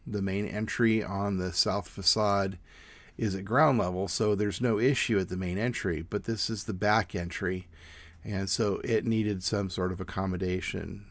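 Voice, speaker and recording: A middle-aged man giving a measured, plain informative presentation outdoors. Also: fairly low pitch, steady tone, fairly bright tone, dry recording. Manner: measured, plain explanatory delivery. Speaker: student presenter. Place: outdoors in front of a brick building.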